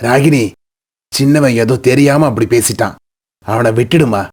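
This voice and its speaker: A man voicing a kind, fair-minded elderly father in a cartoon, speaking gently and calmly. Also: mid-range voice, moderate pace, lightly acted. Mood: gentle. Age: older. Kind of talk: cartoon voice acting. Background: background music.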